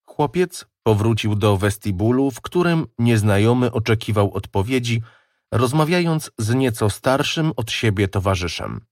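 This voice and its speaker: A man narrating a detective audiobook in a measured, even reading style. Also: mid-range voice, no echo, clean studio sound.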